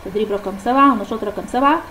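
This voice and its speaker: High-voiced Egyptian woman teaching grammar. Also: bright, forceful tone, slight background noise, poor audio. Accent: Egyptian Arabic. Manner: asks questions then answers them, repeats examples slowly. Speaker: primary school Arabic teacher. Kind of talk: classroom grammar lesson.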